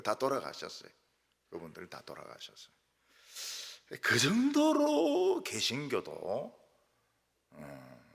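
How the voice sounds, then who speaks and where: Gravelly pastor in a church hall. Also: male voice, mid-range voice. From Daegu, South Korea. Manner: lively storytelling with sudden loud jumps and quiet asides. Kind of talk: sermon. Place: church sanctuary.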